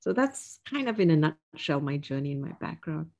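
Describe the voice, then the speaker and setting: A woman in her fifties from Singapore, speaking as an interview guest in a measured, reflective way with frequent "um" fillers. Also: sits low, big pitch swings, a little mellow, highs cut off. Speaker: guest, investor. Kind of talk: casual interview.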